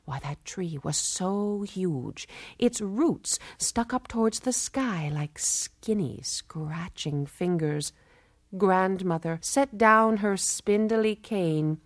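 A woman telling a folktale in a measured, lilting, rhythmic way. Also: medium pitch, no room sound, studio quality. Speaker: storyteller. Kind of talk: expressive folktale narration.

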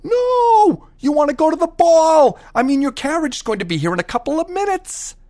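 A man voicing an eager, pushy female fairy godmother in a told story, jumping high in pitch. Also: very animated, normal speed, darkish tone, dry recording.

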